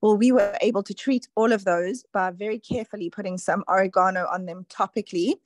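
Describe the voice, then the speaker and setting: A woman's voice: medium pitch, a little mellow, dry recording. A woman explaining things on a casual online call in a chatty way, full of fillers. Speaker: presenter on a product call.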